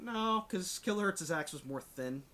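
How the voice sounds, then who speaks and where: Lively high-pitched man chatting. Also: moderate pace. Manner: rambling, self-interrupting, laughs often. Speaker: podcast host. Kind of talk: casual podcast chat.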